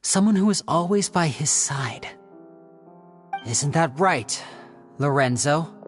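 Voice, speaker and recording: Poised young magician, lowish voice. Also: female voice, lively intonation, soft background music. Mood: pointed. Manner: measured, theatrical, deliberate. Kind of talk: video game voice acting, dramatic monologue.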